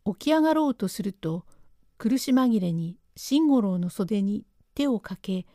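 A woman storyteller narrating a traditional tale in a measured, dramatic manner. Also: mid-range voice, animated, mellow, no room sound, studio quality.

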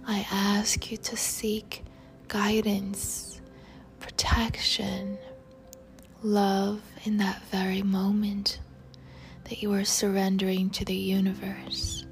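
A woman guiding a meditation in a soft, breathy spa whisper, soothing and tender toward the listener. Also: mid-range voice, completely flat delivery, slow. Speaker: meditation guide. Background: music.

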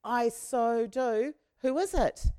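A woman's voice: mid-range voice, expressive, measured pace, mellow, natural voice. A woman voicing a formerly blind man who gives frank, cheeky replies as she retells a Bible story.

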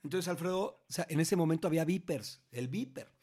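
Animated Mexican man telling a story. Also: fairly high pitch, a little fast. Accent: Mexican Spanish. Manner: animated, slangy, restarts and acts out quotes. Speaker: parent telling a story to his grown child. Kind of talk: casual storytelling conversation.

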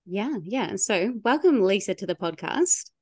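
A woman's voice: mid-range voice, big pitch swings, a little slow, a little mellow, no echo, studio quality. Woman co-hosting a chatty podcast. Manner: rambling, many fillers like "like" and "um". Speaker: podcast co-host. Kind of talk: casual podcast chat.

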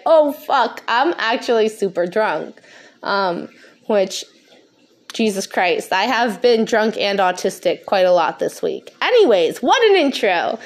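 A stoned woman podcast host talking casually and frankly, rambling, swearing freely and losing her thread. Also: mid-range voice.

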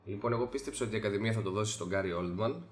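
A man co-hosting a podcast in casual chat, agreeable and quick with short yeses. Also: fairly low pitch. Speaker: podcast co-host.

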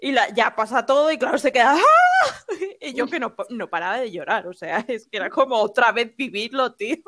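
A woman's voice: fairly high pitch, lively intonation, fast, a bit bright. A woman from Spain chatting on a podcast, telling stories expressively and with emphasis. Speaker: podcast co-host. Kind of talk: casual chat.

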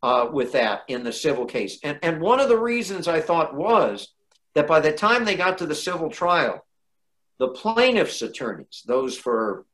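A man's voice: a little high, big pitch swings, normal speed, fairly bright tone. Man explaining law off the cuff. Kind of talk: unscripted legal commentary.

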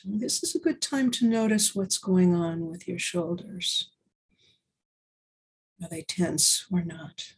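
A woman leading a guided breathing exercise, giving slow, gentle, soothing instructions. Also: lowish voice, slightly rough.

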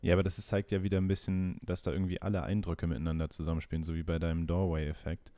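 A man's voice: sits low, flat delivery, fast, warm tone, dry recording. A man co-hosting a casual podcast, hesitant and questioning, recorded over a remote call. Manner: hesitant, many fillers, questioning. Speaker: podcast co-host. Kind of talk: casual chat.

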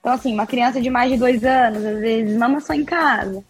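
High husky woman telling a story. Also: a little fast, soft background music. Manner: expressive storyteller, frequent tag questions. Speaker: podcast guest, breastfeeding consultant. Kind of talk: casual interview chat.

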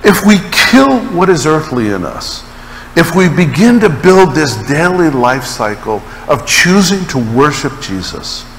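Man preaching a sermon: slow, bright, expressive delivery in a reverberant hall. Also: on the high side, a little hiss or hum. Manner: animated storytelling with dramatic pauses. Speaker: pastor.

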